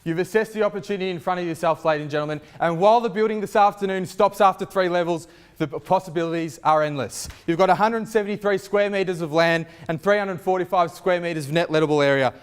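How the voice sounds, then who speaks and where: Casting: Australian man, novice auctioneer, declamatory and formal, with a clean, slightly high voice. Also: fast talker, clear, resonant tone. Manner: declamatory auctioneer projection to a gathered crowd. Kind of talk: auctioneer address, formal property pitch and bid calling.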